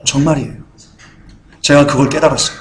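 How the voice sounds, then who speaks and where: A man preaching a sermon as pastor, building from quiet low talk to loud impassioned preaching and acting out blunt quoted speech. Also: fairly even intonation, fairly quick, a little hiss or hum. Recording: echoey church room.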